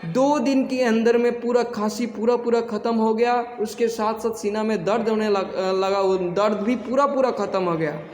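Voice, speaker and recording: A man teaching yoga in a casual, halting way, with many restarts and some throat clearing. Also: high-pitched, steady tone, a little mellow, roomy sound, long reverb tail. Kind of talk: casual spoken instruction.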